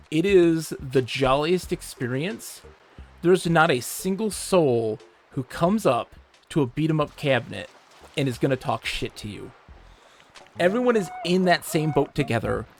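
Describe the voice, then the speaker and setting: A man from Michigan, livestreaming, who tells animated, swear-laced stories and reads chat aloud. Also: on the high side, a little slow, vocal fry. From Michigan, USA. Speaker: streamer. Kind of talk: casual storytelling while livestreaming a game.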